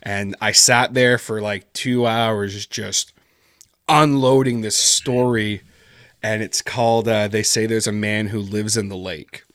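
Low-voiced rambling man, dry sound. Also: fairly even intonation, slow, a bit bright, dry recording. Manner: rambling, heavy on fillers like "like" and "kinda". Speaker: podcast guest, horror story writer. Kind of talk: casual interview chat. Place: based in Canada.

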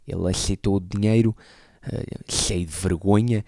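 A man, telling an absurd story deadpan as a stand-up comedian. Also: sits low, moderate pace, dry recording, studio quality.

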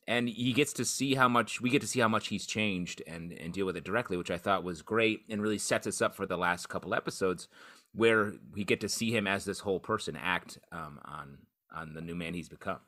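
Male podcast co-host, low pitch with a bright, forceful edge, teasing and halting casual talk. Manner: teasing, halting, gropes for words mid-sentence. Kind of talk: casual TV episode discussion.

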